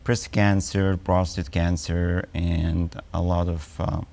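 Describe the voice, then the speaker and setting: Guesting on a televised health program, this forties-aged oncologist with an Egyptian accent talks carefully, filling pauses with ums and uhs. He speaks low and flat, with a creaky, slightly mellow quality.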